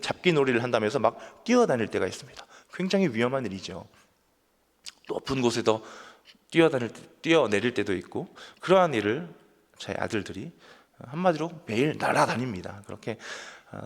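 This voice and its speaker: Earnest preaching man in a reverberant church. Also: mid-range voice. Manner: earnest, asks listeners questions, builds to emphatic peaks. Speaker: pastor. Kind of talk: sermon. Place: church sanctuary. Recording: long church hall reverb.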